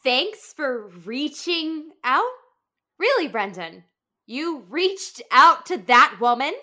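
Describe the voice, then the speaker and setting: An actress playing an anxious young woman who forces herself calm, with clipped, strained speech. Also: high voice, slow, full character voice. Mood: cold, fed up.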